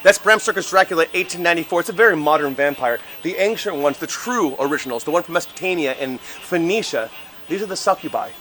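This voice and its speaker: A man working as a ghost tour guide, telling stories in an animated, theatrical way with casual, jokey asides. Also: fairly high pitch, fast talker. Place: outdoors on a city street walking tour. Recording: noisy outdoor street ambience.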